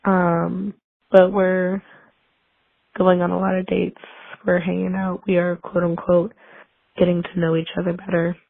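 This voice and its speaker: A young woman with a hoarse, congested voice rambles chattily through a voicemail. Her voice sits low and sounds dry, with no room echo. It comes through a tinny phone line. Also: completely flat delivery, a little slow, long pauses. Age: young adult. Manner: chatty, rambling, many fillers. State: hoarse from a sinus infection. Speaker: caller leaving a voicemail.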